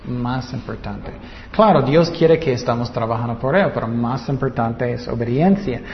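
Pastor guy preaching real slow, asks the crowd questions, muffled church recording. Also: medium pitch, slight background noise. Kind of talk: sermon. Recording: muffled reverberant hall.

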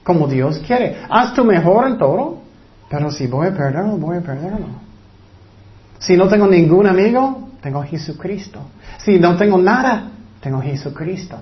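A high-pitched man delivers an earnest sermon, acting out anxious voices to make his point. The recording sounds dull and lo-fi. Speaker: preacher.

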